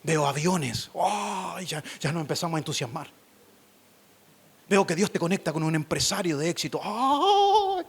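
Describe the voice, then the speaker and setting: A man's voice: on the high side, a little fast, long pauses, breathy edge. A man preaching a fervent church sermon as pastor, repeating phrases for emphasis. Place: church service.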